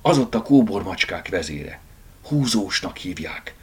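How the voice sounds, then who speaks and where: A man's voice: low voice, animated, husky, heavily acted. A man voicing a bold, determined house cat who talks firmly, often in a whisper.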